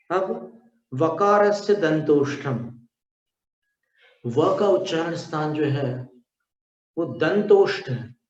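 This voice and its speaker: Man as a patient language teacher, slow, raised pitch, demonstrates each sound aloud, echoey dull recording. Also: a little mellow. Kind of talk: slow explanatory lesson.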